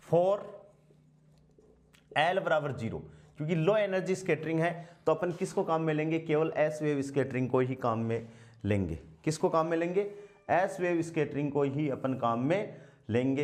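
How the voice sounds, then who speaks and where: A man teaching a physics class, asking rhetorical questions and answering them himself, and slowing down to dictate while he writes. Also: fairly high pitch, expressive, a little mellow. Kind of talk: blackboard lecture.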